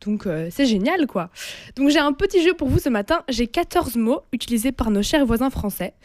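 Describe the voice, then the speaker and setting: A woman's voice: sits high, big pitch swings, moderate pace, darkish tone, dry recording. A young Belgian woman with a Belgian French accent, hosting a playful mock lesson as a teasing quizmaster in a radio studio. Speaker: radio columnist. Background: faint music.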